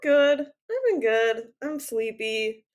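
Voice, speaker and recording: A woman co-hosting a podcast, chatting casually, answering in short relaxed replies and laughing easily. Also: a little high, takes it slowly. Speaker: podcast co-host. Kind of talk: casual chat.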